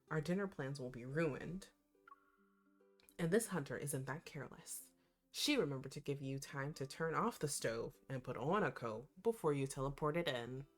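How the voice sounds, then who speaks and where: An expressive, playful woman doing casual, slangy reaction commentary and reading game text aloud. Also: low-pitched. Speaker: reaction host.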